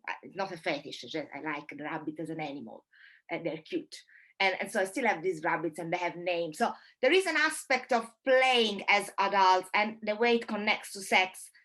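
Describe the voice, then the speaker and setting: Moderating a panel held over a video call, a woman talks in a thoughtful, halting way full of fillers. Her voice is medium in pitch with a fairly bright tone.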